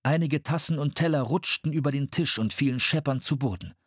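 A man narrating a children's adventure audiobook in an expressive storytelling manner, recorded on a close studio mic. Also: medium pitch, a little fast, slightly rough, no room sound.

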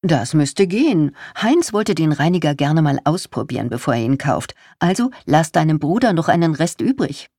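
A reader voicing Charlotte, a bubbly, enthusiastic older sister-in-law. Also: female voice, low-pitched, sing-song, normal speed, hardly any pauses, a little mellow, dry recording, studio quality, heavily acted. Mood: cheerful.

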